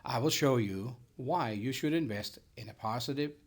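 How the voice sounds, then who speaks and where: A middle-aged Danish business owner, speaking with a native Danish accent, gives a scripted sales presentation. His voice is mid-range and his pace moderate.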